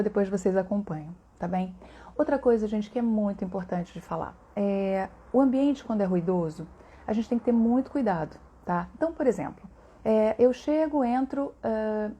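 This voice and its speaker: A chatty middle-aged Brazilian woman hosts a live stream as a voice therapist. Her voice is mellow and dark, at a middle pitch. She talks warmly and loosely, tossing in tag questions as she answers viewers. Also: moderate pace. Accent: Brazilian Portuguese.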